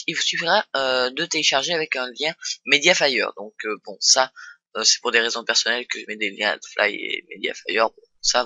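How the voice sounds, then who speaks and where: Bright, dry-voiced young man explaining. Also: mid-range voice, dry recording. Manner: hesitant, many fillers and restarts. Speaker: tutorial host. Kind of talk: casual screen-recorded tutorial.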